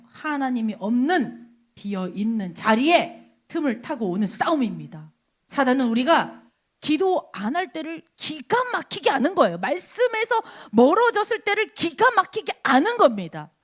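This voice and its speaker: A woman preaching at a church service, with a high-pitched voice. Her delivery is animated and swings widely up and down in pitch. She drives her points home by repeating rhetorical questions. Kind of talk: sermon.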